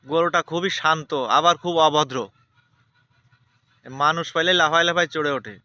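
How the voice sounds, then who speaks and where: A man's voice: a little high, steady tone, normal speed, pushed and bright, dry recording, muffled recording. A man, chatting casually as a vlogger while outdoors with a cow. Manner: chatty, repetitive commentary. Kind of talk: casual vlog narration.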